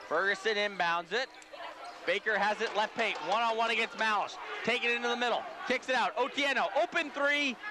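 Play-by-play caller, male, very high voice, rapid excitable delivery, loud background noise. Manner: rapid, excitable calling of the action. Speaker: play-by-play commentator. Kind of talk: basketball play-by-play commentary.

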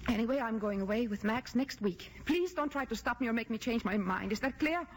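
A woman's voice: on the high side, lively intonation, a little fast, a little hiss or hum. An actress playing a guarded, refined young woman pianist in a vintage melodrama film, speaking formally and with restraint. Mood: defiant. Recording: old film soundtrack with music behind.

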